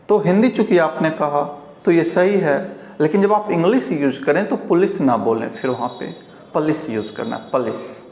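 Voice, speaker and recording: A man with a Bihari Hindi accent teaching English pronunciation, explaining slowly and repeating each word for learners. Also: a little high, darkish tone. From India. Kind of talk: pronunciation lesson. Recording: echoey room.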